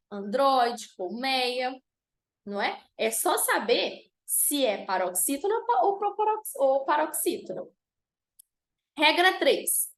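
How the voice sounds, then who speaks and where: A woman with a high, fairly bright voice teaches an online grammar lesson. She slowly and deliberately spells out the rules and reads example words one at a time.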